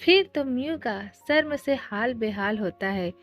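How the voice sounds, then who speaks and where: A woman narrating a manga story in a lively, conversational storytelling manner. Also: on the high side, a little slow, soft background music.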